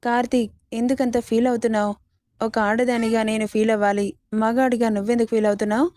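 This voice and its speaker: A soft, flat-voiced temptress, read by a woman. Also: a little high, fast, close to an everyday voice. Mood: pleading.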